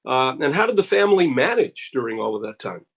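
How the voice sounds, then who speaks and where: A man hosting an interview, asking measured, polite questions with a few fillers. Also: mid-range voice, sing-song, gravelly, slightly rough. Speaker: interviewer and host. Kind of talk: conversational interview.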